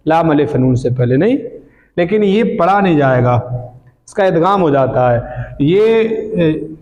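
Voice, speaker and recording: A man's voice: a little high, expressive, a little slow, a little mellow, dull audio. A man teaching Quran reading, patiently explaining rules and answering his own questions. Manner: patient, asks questions and answers them himself. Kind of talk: recitation lesson. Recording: long hall reverb.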